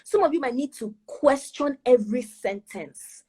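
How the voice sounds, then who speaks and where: A Nigerian woman gives admissions advice in an online talk. Her voice sits slightly high and has a husky edge. She speaks emphatically and keeps asking her listeners rhetorical questions. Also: animated, moderate pace, dark tone.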